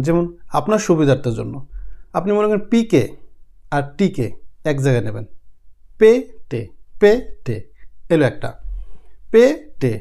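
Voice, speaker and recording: High-voiced man drilling pronunciation. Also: mellow. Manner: repeats each sound several times, drilling pronunciation; loose, rambling explanations with many restarts. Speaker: language teacher. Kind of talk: casual spoken lesson.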